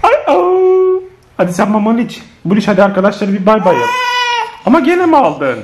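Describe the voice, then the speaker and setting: A man's voice: high-pitched, big pitch swings, brisk, darkish tone, slight background noise. A man talking to viewers in a casual family vlog, playful and often laughing. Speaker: family vlogger.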